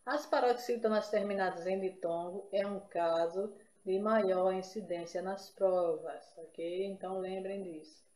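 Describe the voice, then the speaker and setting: A woman's voice: medium pitch, steady tone, a little slow, a little mellow, roomy sound, a little hiss or hum. A woman from Brazil teaching an exam-prep grammar lesson, explaining step by step and checking in with her listeners.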